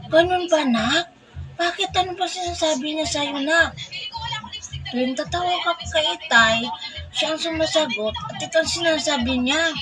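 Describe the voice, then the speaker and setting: A woman's voice: sits high, moderate pace, a bit bright, poor audio. A woman reading a joke dialogue aloud. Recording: music bed under voice.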